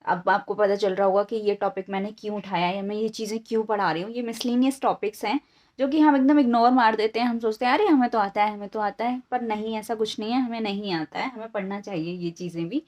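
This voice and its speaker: A woman's voice: medium pitch, fairly even intonation, quick pace, a little mellow. A woman teaching an online English lesson, patiently repeating examples, asking rhetorical questions and mixing Hindi with English words. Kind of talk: online lesson explaining year reading.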